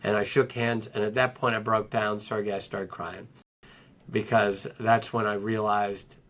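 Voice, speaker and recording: Middle-aged male guest, bright tone, reflective storyteller, lots of ums and restarts. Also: on the low side, little pitch movement, unhurried. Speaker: interview guest. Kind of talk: personal storytelling in conversation.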